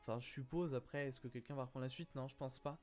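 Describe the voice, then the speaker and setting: A man's voice: medium pitch, steady tone, fast talker, a little mellow, soft background music. A young man casually commenting on viewers' photos as a YouTuber, hesitant and thinking aloud with many fillers.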